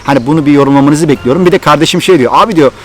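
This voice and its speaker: A middle-aged man from Turkey with a Thracian accent, excitedly telling a personal story to his vlog viewers. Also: on the high side, very fast. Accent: Thracian Turkish. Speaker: vlogger.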